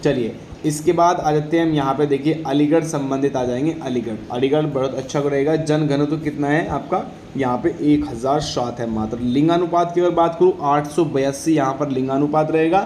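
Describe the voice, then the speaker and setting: Speaking at a normal speed with a steady, slightly mellow tone, a man with a high-leaning voice teaches exam general knowledge informally. He often goes back over questions and answers and confirms students are with him, while the room echoes faintly with background noise.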